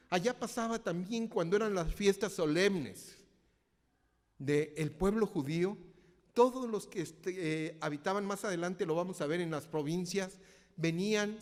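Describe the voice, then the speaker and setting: A male minister with a Mexico City Spanish accent preaches a sermon in a large hall, his voice sitting high. He keeps it interactive, often turning to ask the congregation questions.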